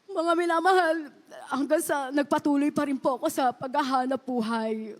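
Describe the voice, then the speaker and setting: A woman's voice: sits high, moderate pace. A woman giving an earnest, polite testimony to a church congregation, often addressing them as beloved. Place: church service.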